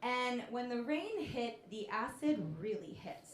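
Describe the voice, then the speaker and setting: A woman in her thirties works a club crowd with a stand-up set, her voice sitting a little high. She takes her time with each line and lands punchlines flatly. The room around her rings with echo. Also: a little slow. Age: 30s. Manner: deadpan storytelling with punchlines. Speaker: stand-up comedian. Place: comedy club stage with laughing audience.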